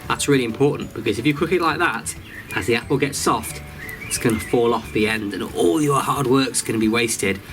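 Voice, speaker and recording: A man's voice: mid-range voice, brisk, music in the background. Friendly British man teaching campfire cooking. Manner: friendly, instructive, talks to kids watching. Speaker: forest school instructor. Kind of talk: live outdoor cooking demonstration. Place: outdoors by a campfire.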